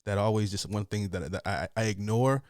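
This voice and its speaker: A man's voice: lowish voice, a little fast, a little mellow, dry recording, clean studio sound. A man hosting a reaction video, talking in an easygoing way with frequent laughs and restarts. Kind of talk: casual reaction commentary.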